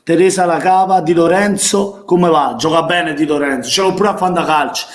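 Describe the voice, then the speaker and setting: A man with a Neapolitan accent, a passionate football fan calling a live match, going hoarse as he shouts encouragement. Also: a little high, moderate pace, reverberant. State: losing his voice. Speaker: fan streamer doing live match commentary. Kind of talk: excited live football watch-along commentary.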